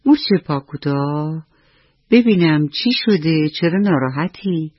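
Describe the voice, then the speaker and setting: A woman's voice: sits low, animated, breathy edge, no echo. A woman voicing a kind, wise winged ant. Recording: dull lo-fi radio with soft music.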